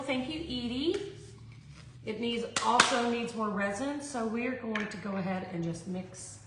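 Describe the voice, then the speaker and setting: Female live craft tutorial host, slower-paced, casual and rambling, roomy echoing sound. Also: medium pitch. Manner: rambling, thinking aloud. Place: echoey indoor room. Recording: echoey room with background noise.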